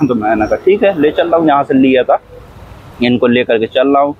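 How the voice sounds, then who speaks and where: A man's voice: mid-range voice, expressive, moderate pace, highs cut off, a little hiss or hum. A man, a cab driver, telling a long story in a rambling, repetitive way, often coughing and acting out what people said. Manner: rambling, repeats phrases, acts out quoted dialogue; coughs often while talking. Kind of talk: casual storytelling interview.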